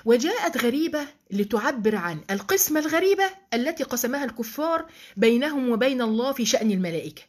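A woman's voice: on the high side, lively intonation, quick pace. A woman with an Egyptian accent giving a religious lesson, asking rhetorical questions, checking in with listeners and adding emphatic, affectionate asides. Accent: Egyptian Arabic. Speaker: religious teacher.

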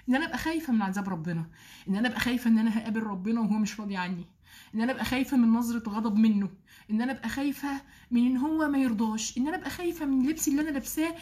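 Woman, Egyptian Arabic accent, religious lesson for women, slightly high pitch, fast talk, drawn-out recitation. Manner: drawn-out chanted Quran recitation between quick lively explaining. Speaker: religious teacher.

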